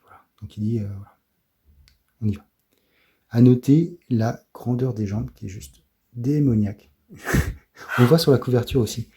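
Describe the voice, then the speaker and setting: A middle-aged man with a French accent giving a soft-spoken ASMR comic review, hesitant and often dropping to a whisper. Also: mid-range voice, slightly rough. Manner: hesitant, fills pauses with "euh" and "voilà", often drops to a whisper.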